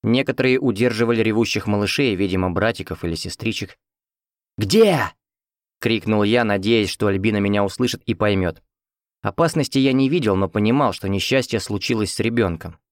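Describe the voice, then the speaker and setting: An audiobook narrator reads first-person fiction in a low, fast voice with a conversational, wry storytelling manner. The recording is dry and studio quality.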